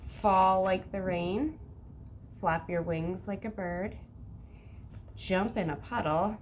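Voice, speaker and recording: A woman's voice: medium pitch, takes it slowly, slight background noise. A woman teacher talking like a kids show host to young children, with simple sing-song instructions and counting aloud.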